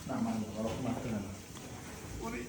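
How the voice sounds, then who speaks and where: A man's voice: mid-range voice, very animated, moderate pace. A young man, a father, talking tenderly to his toddler at home in playful, coaxing baby talk and mock pleas. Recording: roomy echo with faint room noise.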